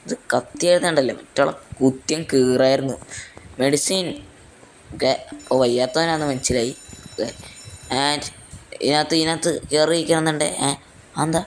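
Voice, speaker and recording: A man's voice: on the high side, normal speed, long pauses, slight background noise. A young man giving casual, joking gameplay commentary, mixing in English fillers. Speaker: gaming YouTuber.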